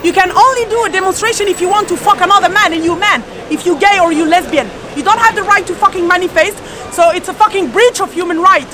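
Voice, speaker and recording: Indignant high-voiced woman, crowd behind. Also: fairly quick, few pauses. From Paris, France. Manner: indignant, heavy swearing. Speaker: protester interviewed on the street. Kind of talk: street interview. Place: outdoor city street at a protest. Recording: street protest with a crowd behind.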